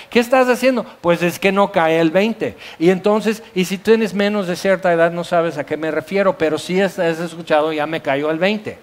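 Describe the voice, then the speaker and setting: This is a middle-aged man with a Mexican accent delivering a sermon. His voice sits high for a man. He preaches in a lively, storytelling way, full of asides and playful sound effects.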